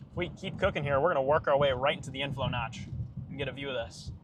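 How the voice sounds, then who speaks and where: A male storm chaser narrates live from a moving vehicle. His medium-pitched voice is urgent and anxious, speaking as a commentator on the road. Clear car noise runs behind him. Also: quick pace, lo-fi sound.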